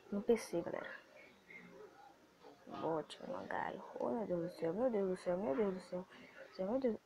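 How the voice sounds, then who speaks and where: A male gaming host with a Brazilian Portuguese accent, excitable and swearing as he comments on his gameplay. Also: sits high, creaky. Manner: excitable, swearing, quick to frustration.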